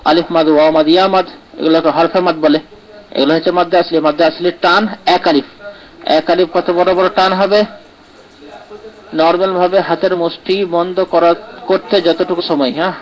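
A man's voice: high-pitched, rough recording. A man teaching Quran pronunciation in a live lesson, explaining step by step and often checking in with "right?". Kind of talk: live online lesson answering comments.

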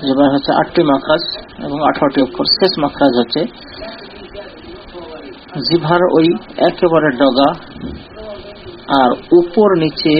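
A man teaching in a slightly higher-than-usual voice, patient and deliberate. He sounds out short syllables one by one and repeats them for his listeners. The recording is dull and lo-fi. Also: background noise. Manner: slow, deliberate explaining, repeating drilled syllables. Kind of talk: recorded lesson.

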